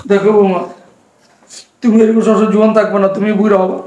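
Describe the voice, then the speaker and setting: A man's voice: high-pitched, flat delivery, quick pace, warm tone, close to an everyday voice. An actor playing an old widowed father who pleads with his son not to throw him out. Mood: pleading. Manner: pleading, plaintive. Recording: echoey room.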